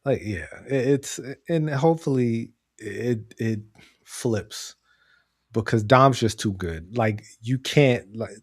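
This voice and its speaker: This podcast co-host's medium-pitched voice is slow and slightly rough as he casually discusses pro wrestling, giving opinions and repeating phrases for emphasis. The audio is clean studio sound without echo.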